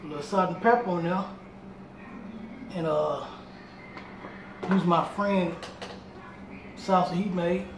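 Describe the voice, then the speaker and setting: A middle-aged man hosts a casual home cooking demonstration, chatting and repeating himself as he moves around a small kitchen. His voice is high-pitched and steady, delivered slowly with long pauses and far from the mic. A camera on a tripod across the kitchen picks up roomy, noisy sound along with the clatter of pots and dishes.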